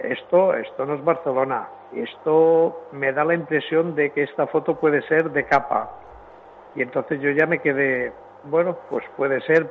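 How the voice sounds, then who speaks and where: A man calling in to a radio show over a faint phone line, as if the phone is held away from his mouth, telling a rambling story in halting sentences. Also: mid-range voice, a little hiss or hum. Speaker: radio caller, photo collector.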